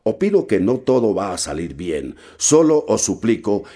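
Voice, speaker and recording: A man's voice: on the low side, sing-song, moderate pace, mellow. A man voicing a stern adult male ship's captain who speaks curtly and formally in a storybook reading. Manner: curt, commanding.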